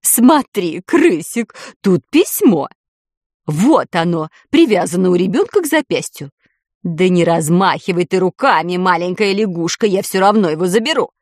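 A squeamish, fussy middle-aged wife, as a woman reading the story puts her on, shrilling out exclamations and fussing with disdain. Her voice jumps about with lively swings and sounds close and dry. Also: a little high, normal speed, no echo. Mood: disdainful.

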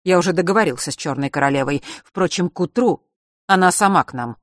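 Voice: medium pitch, fast, fairly bright tone, dry recording, studio quality, lightly acted. Reader playing a stern commanding father. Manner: authoritative, giving orders. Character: stern commanding father, middle-aged man.

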